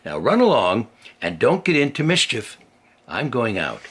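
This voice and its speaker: An older man voicing an old mother rabbit in a storybook, gently stern and cautioning, with slow, deliberate words in a husky voice. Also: medium pitch, wildly swooping pitch.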